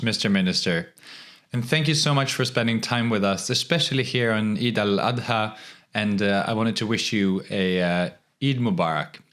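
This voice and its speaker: A man hosting a podcast, reading a scripted introduction and asking questions in a measured, formal way. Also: lowish voice, fairly bright tone. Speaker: podcast host.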